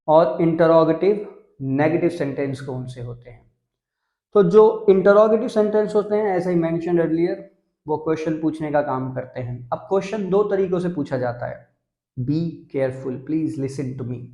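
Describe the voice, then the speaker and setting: A young Indian man teaches English grammar on a video channel, explaining step by step in Hindi mixed with English terms. His voice is on the high side with a dark tone and roomy sound, and dogs bark in the background.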